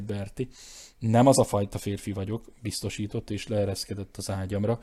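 A man narrating a comic story aloud, shifting his voice for the characters in the dialogue. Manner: lively, shifts pitch for quoted characters. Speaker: audiobook narrator.

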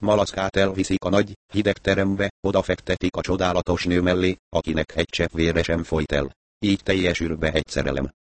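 A man reading a crime novel aloud as narrator, in an even, measured manner. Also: deep voice, dry recording. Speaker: audiobook narrator. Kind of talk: scripted narration.

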